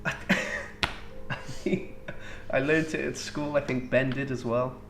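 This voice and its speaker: A man's voice: mid-range voice, steady tone, slow pace. A man hosting an improvised comedy radio show, playfully questioning guests with mock disbelief. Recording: roomy echo, faint background noise.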